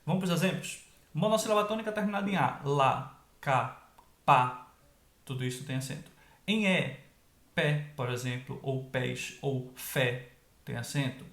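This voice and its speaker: A man teaching an online grammar lesson, explaining step by step and checking in with quick tag questions. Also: on the high side, vocal fry, a bit bright, reverberant.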